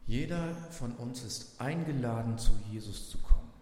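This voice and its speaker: A man preaching a sermon as pastor, earnest, slowing down to stress scripture he reads aloud. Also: mid-range voice, a little mellow, slight background noise. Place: church. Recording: echoey church hall with faint ambience.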